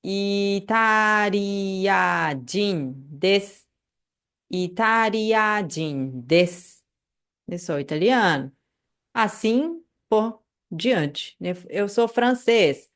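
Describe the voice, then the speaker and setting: A woman with a Brazilian Portuguese accent teaches an online language lesson at an unhurried pace. She repeats each phrase slowly and patiently, often checking in with the listener. Her voice sits in an ordinary middle register. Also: medium pitch, lively intonation, a bit bright.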